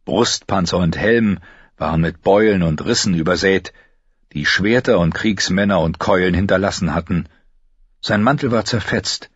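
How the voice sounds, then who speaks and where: Male audiobook narrator, low husky voice, measured; dry, dull studio sound. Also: no room sound. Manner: even, measured storytelling. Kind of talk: scripted narration.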